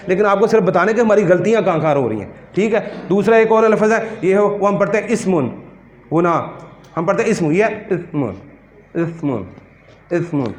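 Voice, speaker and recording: A man teaching a Quran pronunciation class, who questions his students and repeats words slowly to correct them. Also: sits high. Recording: echoey room.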